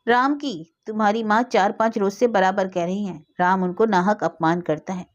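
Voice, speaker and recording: A woman's voice: medium pitch, moderate pace, muffled recording, natural voice. A woman voicing a fed-up middle-aged husband who talks sarcastically. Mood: exasperated. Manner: sarcastic, exasperated.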